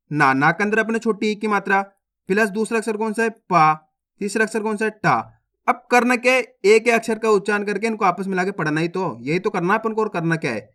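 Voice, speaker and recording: Man teaching a slow syllable-by-syllable reading drill. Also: high-pitched, bright, forceful tone. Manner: addresses viewers as friends, asks quiz questions. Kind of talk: spelled-out reading lesson.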